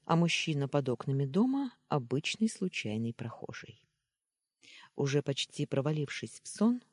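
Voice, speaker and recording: A woman narrating a novel in the first person with an expressive reading. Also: sits low, husky, no room sound, studio quality. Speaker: audiobook narrator.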